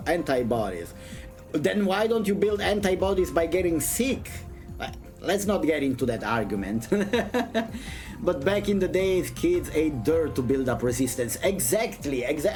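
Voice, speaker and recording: A streamer whose first language isn't English reads a visual novel aloud in dramatic bursts, and between those bits chats casually with jokes, swearing and slang. The voice is mid-range with a darkish tone.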